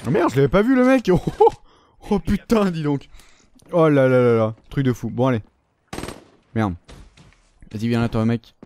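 A man commentating his own gameplay, excitable, swearing often and yelping at the game, talking with his mouth full. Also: medium pitch, normal speed, pauses often, a little hiss or hum. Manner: excitable, swears a lot, shouts and yelps at the game. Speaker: gaming YouTuber.

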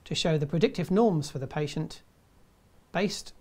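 A man in his fifties presenting a scripted tutorial in a measured, step-by-step way. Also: on the high side, mellow. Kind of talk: scripted instructional narration.

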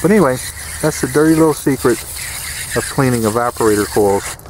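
A man's voice: mid-range voice, fairly quick, darkish tone, a little hiss or hum. A man giving a plain-spoken, folksy how-to demonstration outdoors, repeating his warnings. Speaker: DIY home repair instructor. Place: outdoors beside an air conditioner unit.

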